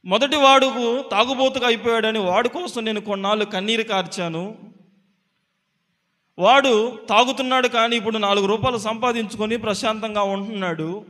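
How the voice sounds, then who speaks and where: Male preacher voicing a grieving mother, pleading and repetitive, high bright tone, hall reverb. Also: moderate pace. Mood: lamenting.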